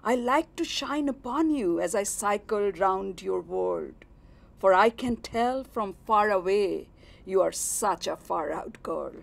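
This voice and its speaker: A woman voicing a jealous, boastful male moon in a recited poem, loud and excited. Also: medium pitch, slow pace, vocal fry, exaggerated voice. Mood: teasing. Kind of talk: poetry recitation.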